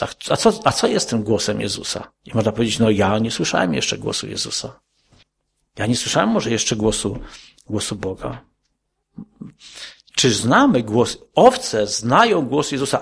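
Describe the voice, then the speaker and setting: A man preaches a sermon in a gravelly, husky voice. He keeps putting questions to his listeners and climbs sharply in pitch on his emphatic points. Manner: questioning, rises to emphatic high peaks.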